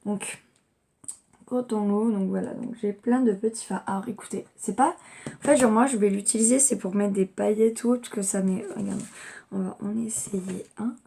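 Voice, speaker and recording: A woman's voice: mid-range voice, fairly even intonation, normal speed, gravelly, dark tone, slight background noise. A young woman chatting casually as she unboxes gifts in a home vlog, rambling with lots of fillers. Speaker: vlogger.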